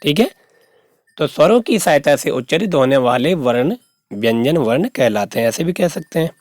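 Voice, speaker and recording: A man's voice: a little high, animated, normal speed, a little mellow, no echo. A male school teacher giving a patient grammar lesson to young students, repeating terms and asking rhetorical questions.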